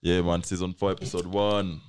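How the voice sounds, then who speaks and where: A man's voice: low voice, level tone, moderate pace, a little mellow, smooth. A young man with a Kenyan accent chatting casually as a podcast co-host, mixing English and Swahili slang. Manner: slangy, code-switching between English and Swahili.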